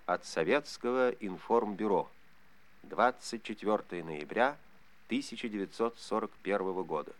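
A man's voice: on the low side, expressive, moderate pace. A man reading scripted wartime bulletins as an announcer, formal and solemn.

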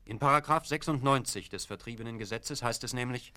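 A man narrating a documentary in a measured, formal scripted delivery. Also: medium pitch, pushed and bright, clean tone.

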